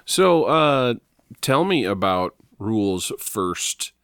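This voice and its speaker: A man co-hosting a casual sports fan podcast, talking in a relaxed, halting way with plenty of fillers. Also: lowish voice, clear, resonant tone, dry recording, clean studio sound. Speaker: podcast co-host.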